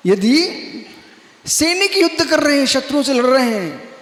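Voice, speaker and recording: A man with a strikingly high voice delivers a live religious sermon, dramatic and full of repeated rhetorical questions. His words ring out in a large, roomy hall with a long trailing reverb. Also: very animated, a little slow, fairly bright tone. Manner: dramatic, rhetorical questions, repeats phrases, addresses listeners as friend. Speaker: Jain monk preacher.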